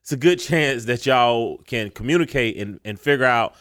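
Animated man, voice jumping up. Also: medium pitch, moderate pace, no echo, studio quality. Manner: animated, voice rises when excited. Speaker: podcast co-host. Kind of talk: casual podcast chat.

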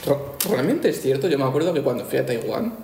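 A man's voice: medium pitch, big pitch swings, brisk, warm tone. A young man from Spain co-hosting a podcast, chatting casually, laughing often and stumbling over repeated words. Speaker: podcast co-host. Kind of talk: casual chat. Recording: echoey room, faint background hiss.

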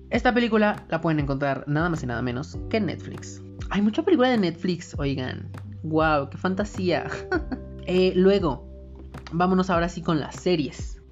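A woman with a slightly low voice hosts a recommendation review. She sounds chatty and emphatic, moving between scripted summaries and informal asides. The audio is a little dull and lo-fi, with music behind her. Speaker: host recommending movies and series.

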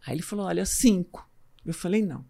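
A woman's voice: on the low side, animated, fast, gravelly, warm tone. A middle-aged Brazilian woman, a doctor and runner, chatting as an interview guest and telling a personal story with quoted dialogue. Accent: Brazilian Portuguese. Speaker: physician guest, amateur runner.

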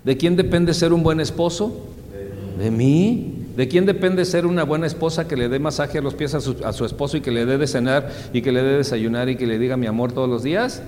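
A man preaching a sermon, asking his listeners questions and answering them himself, swinging between loud high exclamations and low quiet asides. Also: brisk, noisy background. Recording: long reverb, faint background ambience.

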